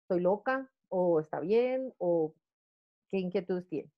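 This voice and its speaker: A woman, a sales director coaching consultants in an online training talk, lively and chatty, checking in with "¿verdad?" and "¿sí?". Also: fairly low pitch, a little slow, lo-fi sound.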